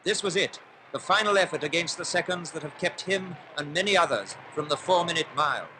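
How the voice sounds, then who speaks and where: A man giving old newsreel commentary on a race, formal and brisk, with play-by-play that builds in excitement. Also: a little high, noisy background.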